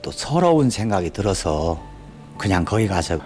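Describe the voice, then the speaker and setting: A man's voice: low voice, very animated, normal speed, a little mellow, soft background music. A man in his sixties speaking unscripted in a documentary interview. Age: 60s. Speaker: interviewee, retired educator.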